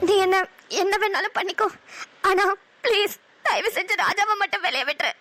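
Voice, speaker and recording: This is a heartbroken young heroine in a cartoon love story, sobbing as she pleads. She speaks with a Namakkal Tamil accent. Her voice is very high and bright. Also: expressive, moderate pace, faint music behind, full character voice. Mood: pleading. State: crying.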